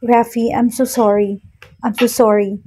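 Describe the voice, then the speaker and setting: A woman's voice: fairly high pitch, little pitch movement, measured pace, dark tone, slightly rough. A woman voicing a guilt-ridden young woman who keeps apologizing through tears, in a read-aloud love story. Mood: tearful. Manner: apologetic, tearful.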